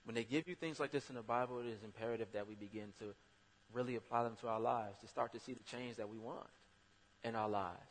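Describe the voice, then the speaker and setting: A man preaching a sermon in a conversational way, breaking into loud, emphatic bursts. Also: mid-range voice, steady tone, quick pace. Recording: long hall reverb.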